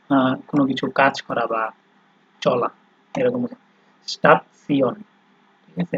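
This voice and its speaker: Slow, patient man teaching a class. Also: mid-range voice, gravelly, breathy edge, dry recording, highs cut off. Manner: slow, patient explaining with many fillers. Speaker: German language teacher. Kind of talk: online class lesson.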